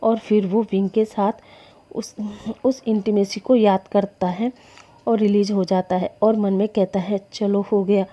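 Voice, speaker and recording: Woman, storyteller, chatty casual narration, very warm tone, dull lo-fi recording. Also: mid-range voice, little pitch movement, a little slow.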